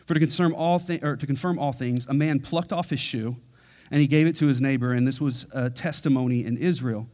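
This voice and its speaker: A man's voice: mid-range voice, brisk, a little mellow. A man preaching a verse-by-verse sermon in a casual, conversational way, acting out quotes in everyday voices. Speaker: pastor. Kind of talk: expository sermon.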